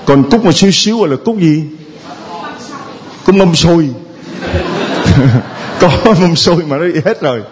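A man delivering a homily in a playful, conversational way. His voice sits a little high and swings widely in pitch as he fires questions at his listeners. Faint background noise runs underneath. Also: expressive, measured pace, long pauses. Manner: playful, quizzing the congregation, chuckling. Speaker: priest.

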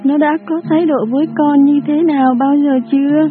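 Storybook: woman playing a loud, high, sobbing frantic mother, tinny lo-fi audio. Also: fairly even intonation, fairly quick, lightly acted. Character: distraught peasant mother. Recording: tinny lo-fi with music behind.

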